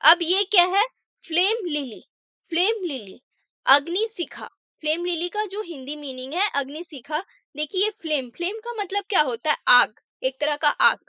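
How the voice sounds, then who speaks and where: Woman, English teacher, high voice, bright tone, slow careful examples. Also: animated, no room sound. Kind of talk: casual Hindi vocabulary lesson.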